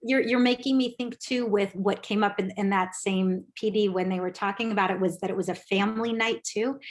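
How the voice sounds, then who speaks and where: Woman, facilitator, video call, upbeat, keeps things moving. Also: mid-range voice. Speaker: workshop facilitator. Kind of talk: casual video-call discussion.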